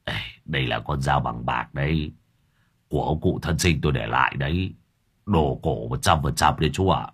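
A man voicing a scruffy, broke middle-aged male vagrant who stammers and pleads in a hushed tone. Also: extremely low pitch, moderate pace, slightly rough, voice pushed down. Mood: sheepish pleading.

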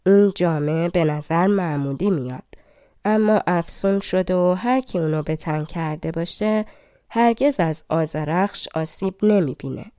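A woman's voice: lowish voice, mellow, smooth, no echo, clean studio sound, close to an everyday voice. A woman voicing a solemn goddess who gives a hero grave warnings and advice.

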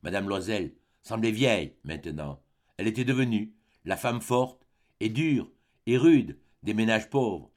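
Expressive male audiobook narrator. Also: on the low side, a little slow. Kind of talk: scripted narration of a classic story.

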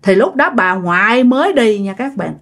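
A woman tells a ghost story in a chatty, casual way, often turning to her listeners. Her voice sits high and moves in lively swings of pitch. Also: moderate pace. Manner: chatty, addresses listeners directly.

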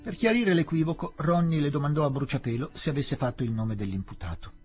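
A man reading a literary novel aloud, measured and expressive. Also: on the high side, slightly rough, soft background music. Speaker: audiobook reader.

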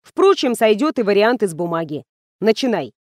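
A woman reading the part of a calm, dryly ironic male publisher. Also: mid-range voice, normal speed, no echo, studio quality, close to an everyday voice.

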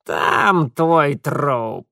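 A hoarse, croaking female spirit creature, voiced by a male reader, dragging out short sardonic words. Creaky, slow and dry-sounding, from a storybook. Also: on the high side, animated, bright, forceful tone, no room sound, full character voice.

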